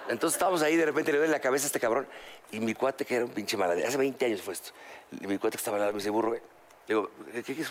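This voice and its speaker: A middle-aged man with a Mexican Spanish accent hosting a talk show, telling an animated story full of swearing. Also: medium pitch, rapid-fire, slight background noise. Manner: animated storyteller, swears a lot, acts out voices. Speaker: show host. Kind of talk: casual studio banter, storytelling.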